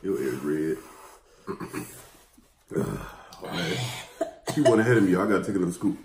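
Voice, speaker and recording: A man's voice: sits low, animated, a little slow, a little mellow. A man in his thirties chatting casually as he eats, choking and coughing with his mouth burning from spicy food. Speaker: spicy food challenge participant. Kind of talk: casual reaction chat while eating. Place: small room at home, indoors. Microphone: camera across the table. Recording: echoey room, noticeable background noise.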